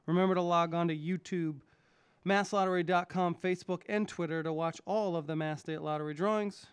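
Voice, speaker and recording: A man speaking as a lottery draw host, giving a formal, measured, scripted announcement. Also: fairly high pitch, steady tone, clean tone, dry recording.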